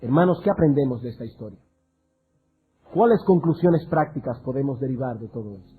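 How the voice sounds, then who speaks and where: A man preaching a sermon, reading scripture and then urging his listeners in an emphatic style with big swings in pitch and loudness. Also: expressive, a little fast, narrow, tinny audio, soft background music. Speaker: pastor.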